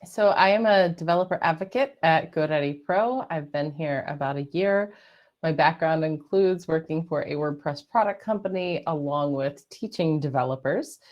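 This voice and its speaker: A woman's voice: sits low, moderate pace. A woman developer advocate introducing herself matter-of-factly on an online panel. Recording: dull muffled call audio.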